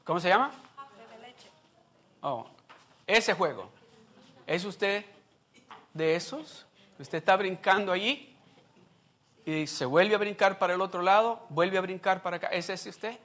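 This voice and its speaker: A man's voice: high-pitched, unhurried, long pauses, a bit bright. A man preaching a Sunday sermon in a conversational way, often asking the congregation questions. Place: church service.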